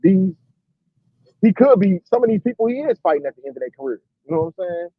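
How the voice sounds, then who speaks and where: Calling in as a panelist to a casual sports debate, a man rambles and relies heavily on fillers. His voice is high, husky, fast and very animated. The remote call mic gives a muffled, dry line that keeps breaking up and going choppy.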